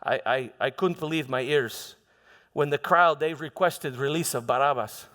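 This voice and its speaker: A man playing Pontius Pilate as a proud, tormented Roman governor in an impassioned, halting theatrical monologue. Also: medium pitch, bright, forceful tone, pitched below the performer's own voice, lightly acted. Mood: bitter, incredulous. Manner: impassioned, halting, dramatic, with stammered repeats. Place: large church hall. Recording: reverberant hall with music.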